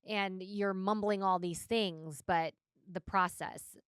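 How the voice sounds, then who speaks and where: A woman co-hosting a podcast in casual chat, agreeable and quick to affirm. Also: medium pitch, fairly even intonation, a bit bright, clean tone, dry recording, studio quality. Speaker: podcast co-host.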